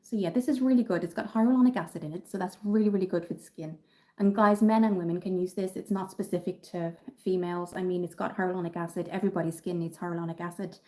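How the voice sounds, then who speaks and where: Talking fast in a warm, lowish voice with a steady tone, a woman from Dublin, Ireland, responds to viewer comments during a casual beauty livestream. She's upbeat and full of ums. Her phone camera captures the audio.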